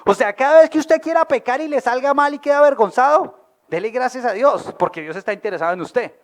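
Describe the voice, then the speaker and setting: A man's voice: very high voice, quick pace. A man with a Colombian accent, preaching a sermon as pastor. He is colloquial and humorous and keeps asking the audience questions. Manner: lively, asks the audience questions.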